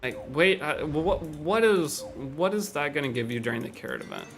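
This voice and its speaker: A man's voice: on the high side, wildly swooping pitch, moderate pace, gravelly, soft background music. A man casually chatting on a game livestream from home, answering viewers' questions in an offhand, rambling way with some slang. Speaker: game streamer.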